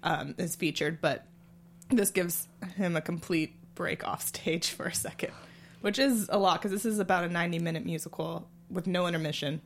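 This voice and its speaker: A woman hosting a casual chat, talking quickly and laughing often. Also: on the low side. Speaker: podcast host.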